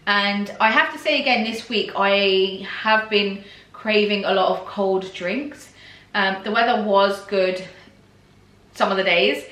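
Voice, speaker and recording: A woman's voice: mid-range voice, fairly bright tone, echoey room, low-quality recording. Chatty woman vlogging at home. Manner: chatty and rambling, with frequent fillers and laughs. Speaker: pregnancy vlogger. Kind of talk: casual vlog chat to camera.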